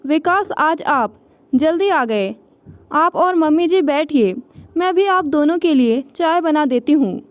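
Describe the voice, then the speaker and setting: A woman's voice: high voice, lively intonation, a little slow, no echo, muffled recording. A woman voicing a rude, scheming young wife in a storybook tale, who snaps at her mother-in-law and sweetens up for her husband.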